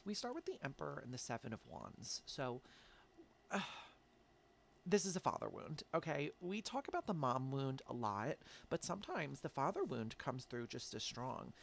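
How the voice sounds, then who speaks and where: Congested from allergies, an American-accented tarot reader talks through a relaxed reading, dropping frequent "um"s and "like"s. He speaks at a medium pitch with vocal fry, and there's slight noise in the background.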